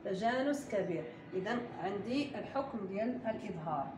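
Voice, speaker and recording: A woman with a Moroccan Arabic accent teaching Quran recitation to a class, quizzing her students and slowly drawing out each example word. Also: medium pitch. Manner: patient, slow and drawn out when modelling recitation; quizzes the class and prompts answers. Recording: echoey room with steady background noise.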